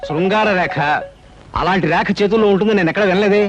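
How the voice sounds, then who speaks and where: A man's voice: sits high, fast, highs cut off, music in the background, lightly acted. A man playing a jealous, grumbling husband. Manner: grumbling, suspicious and blunt. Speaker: jealous husband in a film comedy scene.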